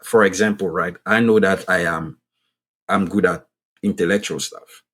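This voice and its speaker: Speaking with a low-pitched, a bit bright voice at a moderate pace and steady tone, a man from Ivory Coast appears as a podcast guest. He is an economist and author, a native French speaker with a French-speaking Ivorian accent, who earnestly restarts and repeats phrases to press his points.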